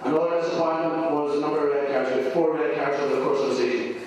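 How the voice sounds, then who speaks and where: A man's voice: fairly high pitch, little pitch movement, racing, darkish tone. A man compering a club awards night, formal with dry humour, speaking into a handheld microphone in a large hall. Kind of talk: public announcing at an awards night. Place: large community hall, indoors. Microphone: handheld microphone, heard from the camera. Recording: echoey hall from far off.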